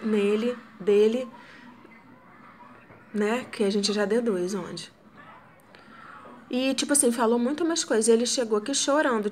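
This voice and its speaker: A woman in her thirties talks earnestly to her viewers from home, her voice sitting somewhat high. She tells her story in a loose, personal way, full of fillers, with a faint hiss underneath. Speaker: widowed mother.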